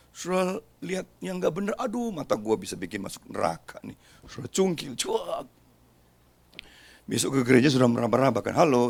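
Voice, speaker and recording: A man's voice: fairly high pitch, gravelly. A middle-aged male pastor preaching a sermon, joking and speaking directly to his congregation. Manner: lively, joking, talks straight to the congregation.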